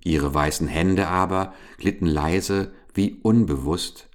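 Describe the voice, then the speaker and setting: A man narrating a children's fairy tale in a calm, measured storytelling manner. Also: low-pitched. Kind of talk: fairy-tale audiobook reading.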